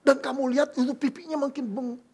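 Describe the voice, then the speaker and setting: A man's voice: very high voice, level tone, fast talker, dark tone, pitched above the performer's own voice. A man playing a middle-aged mother who gossips chattily about her daughter. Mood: gossipy.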